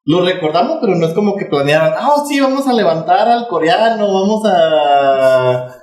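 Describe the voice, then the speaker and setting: A man's voice: high voice, moderate pace. Chatty Mexican man in an echoey room. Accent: Mexican Spanish. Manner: relaxed, rambling, many fillers and restarts. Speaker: podcast co-host. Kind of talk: casual chat.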